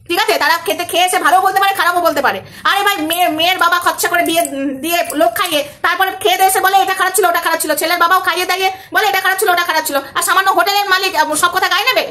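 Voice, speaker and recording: A woman's voice: extremely high pitch, bright, forceful tone. A young woman hosting a ranting commentary vlog, scolding someone with rhetorical questions and repeating her points. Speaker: vlogger host.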